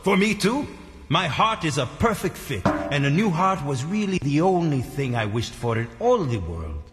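A man playing a gentle, soft-hearted tin man in an audio drama, speaking with polite, earnest sentiment. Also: on the high side, sing-song, normal speed, music in the background. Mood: warmly pleased. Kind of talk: theatrical audio drama acting. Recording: long hall reverb.

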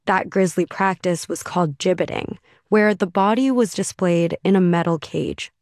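A woman reporter narrating a radio feature story in a steady, measured way. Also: lowish voice, no room sound, clean studio sound.

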